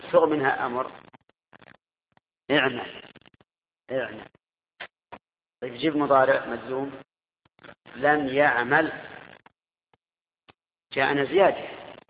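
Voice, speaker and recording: A man with a medium-pitched voice teaches a grammar class, quizzing students and repeating their answers. He speaks unhurriedly and pauses often, and the recording sounds tinny and echoey, as if in a hall.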